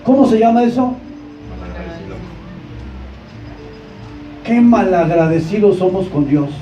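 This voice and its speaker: A male pastor preaching a sermon in a church, asking the congregation questions and rising to shouts. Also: sits high, animated, measured pace, faint music behind. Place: church sanctuary. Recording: echoey church room, distant mic, dull sound.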